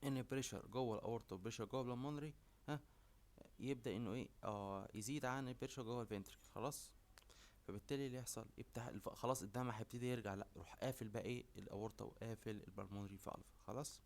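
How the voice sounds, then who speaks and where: Rapid Egyptian man quizzing students. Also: medium pitch. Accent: Egyptian Arabic. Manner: quizzing, constantly asks "okay?". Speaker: lecturer. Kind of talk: casual lecture mixing English medical terms. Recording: faint background noise.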